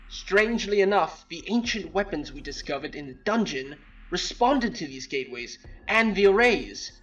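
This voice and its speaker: A fairly high-pitched young male research assistant in a zombie game. He is anxious and earnest, speaking with dramatic urgency. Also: a bit bright, lo-fi sound. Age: young adult. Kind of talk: acted game character dialogue.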